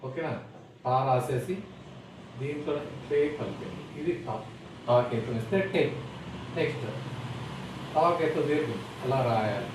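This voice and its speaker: A man's voice: medium pitch, moderate pace, pauses often. A man teaching a Tamil script lesson, explaining each step patiently and asking simple questions as he goes. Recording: echoey room, mic at a distance, faint noise.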